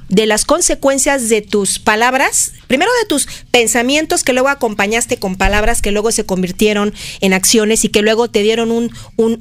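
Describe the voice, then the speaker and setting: Preachy woman speaker. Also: fairly high pitch. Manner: preachy, full of rhetorical questions; expressive, switching between fast and slow delivery. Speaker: motivational speaker on a radio show. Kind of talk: radio conversation.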